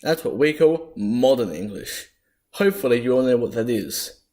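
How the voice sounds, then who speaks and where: A man presenting a history lesson as scripted narration, spelling out sounds deliberately with occasional stumbles. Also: medium pitch, animated, darkish tone.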